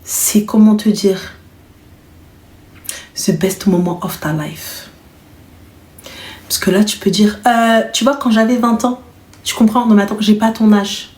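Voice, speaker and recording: A woman's voice: mid-range voice, fairly even intonation, moderate pace, a little mellow, reverberant. A woman in her thirties hosting a live stream and taking callers, talking in a casual, teasing and joking way. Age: 30s.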